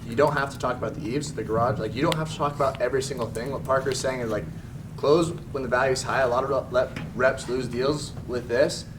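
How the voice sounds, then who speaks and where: A man speaking casually at a training session, his talk full of "like". He sounds far from the mic, with clear background noise in the room. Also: medium pitch, fairly even intonation, quick pace. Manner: casual, many fillers like "like". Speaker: sales trainer.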